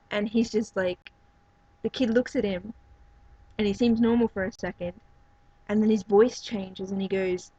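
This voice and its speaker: A woman's voice: medium pitch, a little mellow, dry recording, muffled recording. A woman giving a casual spoken review of a film and show, rambling and searching for words. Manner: rambling, many fillers and restarts. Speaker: movie reviewer.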